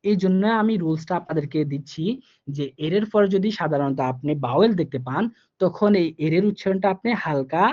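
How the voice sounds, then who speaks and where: A man with a slightly higher voice teaches an online language class. He explains each rule step by step, circling back often with fillers. The recording sounds a little dull and lo-fi. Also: a little mellow. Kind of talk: live online class lesson.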